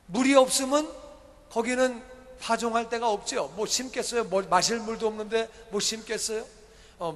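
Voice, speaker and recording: A man's voice: sits high, a bit bright. A man preaching a sermon as pastor of a church, retelling a story in plain words, repeating his phrases and asking the congregation rhetorical questions. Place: church sanctuary. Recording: church hall with long reverb.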